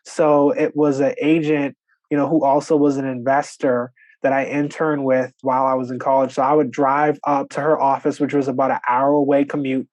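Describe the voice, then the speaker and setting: A young man from the Bahamas, talking as a podcast guest in a mid-pitched voice. He tells his story easily and casually, filling his lines with "you know" and "like". The sound is dry and close, with no room around it. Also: flat delivery, moderate pace, a little mellow, no echo. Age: 20s. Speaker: podcast guest, real estate investor. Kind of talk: conversational interview.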